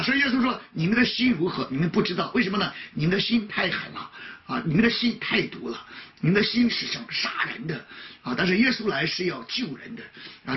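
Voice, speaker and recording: A man preaching a sermon, asking rhetorical questions and starting many phrases with a drawn-out filler sound. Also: high voice, dull audio.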